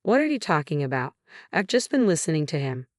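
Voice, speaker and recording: A woman voicing a calm, smooth-talking male counselor in a scripted story narration. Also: on the high side, brisk, no echo, clean studio sound. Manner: calm, even.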